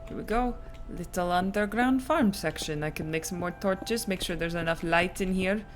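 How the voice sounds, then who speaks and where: Brief: young woman streamer, lowish voice, nervous self-talk, whispers, faint music behind. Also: normal speed. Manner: anxious self-talk, repeating reassurances, drops to whispers; argues back at chat. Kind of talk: live-streamed gameplay with in-character roleplay.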